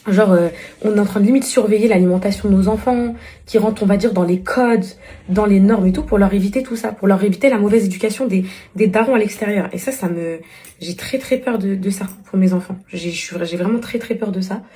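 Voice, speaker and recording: A young mother vlogging casually at home, rambling and animated with many restarts, and cooing affectionately to her children. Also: medium pitch, quick pace. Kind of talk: casual vlog chat to viewers. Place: home with kitchen. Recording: echoey room with background noise.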